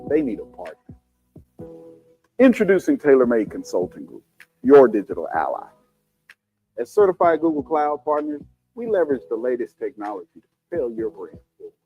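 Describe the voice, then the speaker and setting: A male commercial announcer delivers polished scripted copy, his husky voice leaping up and down in pitch. Faint music plays under him, and the sound is somewhat dull and lo-fi. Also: very animated, moderate pace. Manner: polished, dramatic pitch swings.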